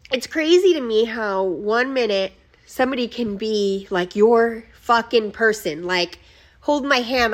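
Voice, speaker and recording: A woman's voice: mid-range voice, fairly bright tone. Podcast host, woman, 30s; raw confessional monologue, swears freely, restarts, near tears. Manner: emotional, profane, halting with restarts. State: close to tears. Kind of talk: personal storytelling monologue.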